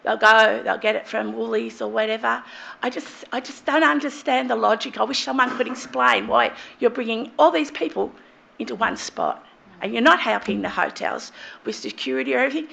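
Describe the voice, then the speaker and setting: An Australian woman with a cold and a stuffy, croaky voice, speaking emphatically in public comment at a meeting. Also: a little high, brisk, sharp tone, dull audio. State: has a cold. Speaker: local taxi driver at public meeting.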